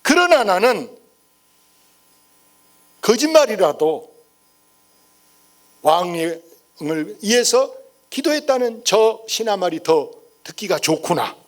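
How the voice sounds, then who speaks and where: A man voicing a stern, wise old king who speaks in slow, grave, measured pronouncements. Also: sits high, sing-song, exaggerated voice.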